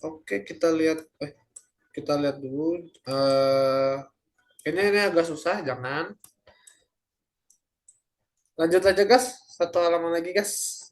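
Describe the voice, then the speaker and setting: A man's voice: a little high, slow, pauses often. A young adult man tutoring a German class over a video call, speaking casually with lots of hesitant fillers. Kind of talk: online class teaching.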